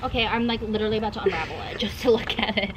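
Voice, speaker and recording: A woman's voice: mid-range voice, very fast, crowd noise, rough recording. A young woman filming a casual family vlog at home, chatty and bubbly, full of "like" and "literally". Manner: bubbly, exclaims often, says "like" and "literally". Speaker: vlogger. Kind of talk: casual chat. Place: home, kitchen and bathroom.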